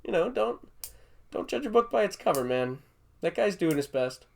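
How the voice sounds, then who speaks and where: Young male host, animated intonation, rambling comic storyteller. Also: high voice, normal speed, gravelly. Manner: rambling, jokey storytelling, often laughing. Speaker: podcast host. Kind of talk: casual chat.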